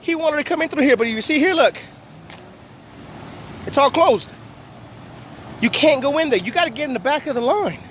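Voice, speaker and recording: A man's voice: extremely high pitch, lively intonation, moderate pace, pauses often, a bit bright. A man, out of breath while walking outdoors and vlogging, talking in a blunt, combative way. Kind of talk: walking vlog. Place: outdoors at a park beside a long line of cars. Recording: faint street noise outdoors.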